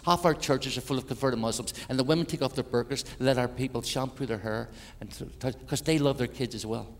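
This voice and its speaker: Jokey older Irish preacher in a hall. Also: male voice, mid-range voice. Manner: animated, jokey storyteller. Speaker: missionary preacher. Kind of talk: storytelling sermon. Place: church hall with a congregation. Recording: echoey hall, faint ambience.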